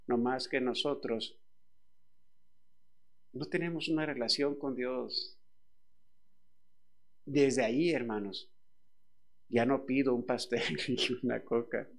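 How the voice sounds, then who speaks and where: A middle-aged man, a pastor preaching a sermon and telling a personal story with big swings from hushed to loud. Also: medium pitch.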